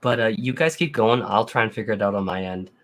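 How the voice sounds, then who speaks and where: A man's voice: on the low side, fast, a bit bright. A man chatting on a remote call, a little hesitant, his audio choppy and breaking up. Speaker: podcast panelist. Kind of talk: casual chat on a remote call.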